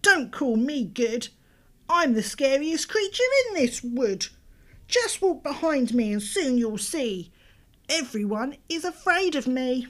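A woman's voice: high-pitched, lively intonation, slow pace, voice pushed up. A woman voicing a small, clever, polite male mouse hero in a children's storybook. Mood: boastful. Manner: plucky, bright, polite.

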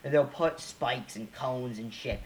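Young man telling animated stories, casual chat. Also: medium pitch, a loud crowd, poor audio. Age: young adult. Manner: animated storyteller, quick asides and restarts.

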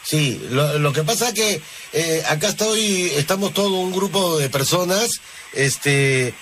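Radio prank caller, a man with a slightly high voice, stammering fillers, noisy line. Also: measured pace. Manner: hesitant, stammering fillers, playing innocent. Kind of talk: prank call.

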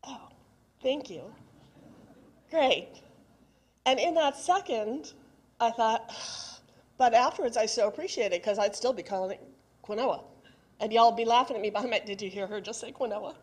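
A woman's voice: a little high, normal speed, long pauses. A middle-aged woman, preaching a sermon in a conversational way and putting questions straight to the congregation. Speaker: pastor.

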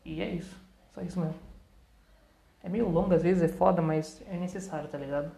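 A woman with a Brazilian Portuguese accent hosts a podcast in a lowish, dark-toned voice. She talks casually and with plenty of slang, drifting off into asides. The sound is roomy, with noticeable echo. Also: fairly even intonation, fairly quick, gravelly. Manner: colloquial and slangy, rambling with asides. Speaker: podcast host. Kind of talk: casual chat with channel announcements.

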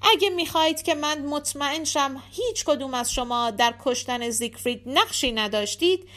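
A woman voicing a grieving young widowed queen who speaks loudly and accusingly. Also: sits high, animated. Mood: declaring. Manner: accusing, loud.

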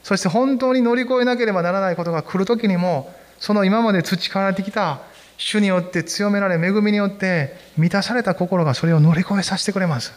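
A man's voice: high voice, fairly quick. A man preaching a sermon at a church service, earnest and pastoral, leading the congregation in reading scripture aloud.

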